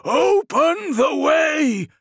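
Warbling plague sorcerer, shrill. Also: male voice, big pitch swings, drawn-out words, gravelly, no room sound, clean studio sound, exaggerated voice. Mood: commanding. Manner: intoning, ecstatic, shouted prayer. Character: fanatical male plague-cult sorcerer, warbling.

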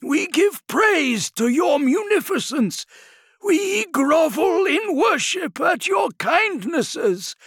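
A fanatical plague-cult sorcerer from a grim audiobook, his warbling voice pitched far above a normal speaking voice. He drags out every word of his prayers in slow, booming, half-shouted ecstasy. His tone is strained and strange, as if a different throat had taken over. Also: sing-song, no room sound, clean studio sound, exaggerated voice. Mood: ecstatic.

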